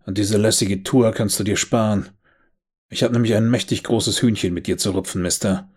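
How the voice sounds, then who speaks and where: A man's voice: fairly low pitch, steady tone, moderate pace, darkish tone, husky. A man doing a brash, indignant dead young woman. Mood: snappy, sarcastic. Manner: snappy, sarcastic and hissing.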